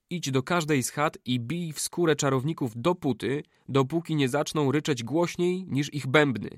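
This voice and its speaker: Male reader playing a stern young boy, commanding, lectures loudly, raised pitch, dry close sound. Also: dry recording, lightly acted. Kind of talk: audiobook character voice.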